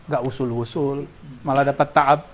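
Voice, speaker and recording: A man giving an informal religious lecture, recites Arabic phrases slowly and mixes in casual asides. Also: mid-range voice, a little hiss or hum. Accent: Indonesian. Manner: relaxed teaching, slips into casual asides and chuckles. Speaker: religious teacher.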